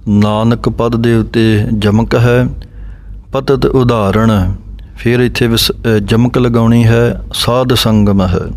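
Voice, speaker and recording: A man teaching how to recite scripture verses, chanting each line slowly and then spelling out letters and pauses. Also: medium pitch, a little mellow. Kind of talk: recitation lesson on Sikh scripture pronunciation.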